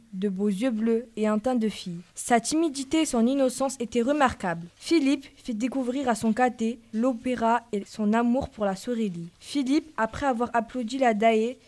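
Woman narrator, classroom story reading, clear, steady, fairly high voice.

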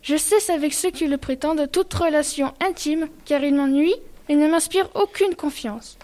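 A girl student voicing Madame Forestier, a calm, cold and poised society woman, in a school radio drama. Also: high-pitched, normal speed, lightly acted.

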